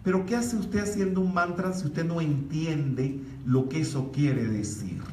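A man's voice: fairly high pitch, measured pace, a little mellow. A middle-aged man giving a spiritual lecture to an audience, with the projected voice of a former opera singer and an emphatic delivery. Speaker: metaphysics lecturer. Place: lecture hall in Mexico. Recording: echoey hall, far from mic, faint hiss.

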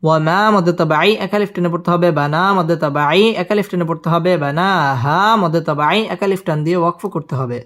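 A man teaching Quran recitation: he spells each word letter by letter, recites it slowly and drawn out, and explains the pronunciation rules quickly in between. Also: fairly high pitch, fairly even intonation, a bit bright.

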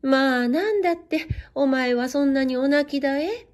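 Gentle storybook mother, voiced by a female reader, mellow and a little high, tender and old-fashioned. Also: animated, normal speed. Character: gentle fond mother of a small crybaby boy.

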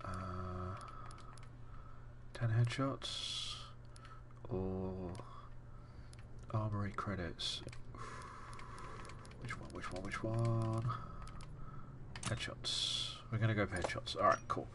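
A man's voice: low voice, steady tone, slow, long pauses, noisy background. A man commenting live on his gameplay, joking with family and muttering through menus. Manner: chatty and joking, muttering to himself over menus. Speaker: gaming streamer and father.

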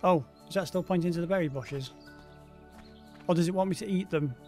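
A man's voice: high voice, fairly quick, darkish tone. A man hosting a let's play, commenting casually on the game with wry, offhand asides. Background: game music.

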